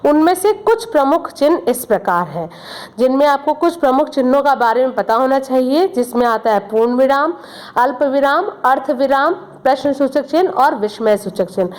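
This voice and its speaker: A woman's voice: sits high, a little mellow. A woman teaching a grammar lesson to children, explaining step by step, repeating examples and checking in often.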